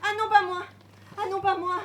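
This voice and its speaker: A woman's voice: very high-pitched, a little fast. An actress playing a shy woman who says everything twice, on a live stage. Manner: says each sentence twice, flat and shy. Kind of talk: live amateur stage acting. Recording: live stage with audience noise.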